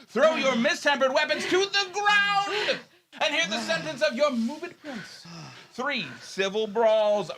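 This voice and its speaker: A reader playing a stern prince scolding brawlers in an amateur script reading, slow and deliberate. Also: high voice, noisy background. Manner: slow and deliberate, breaks into laughs.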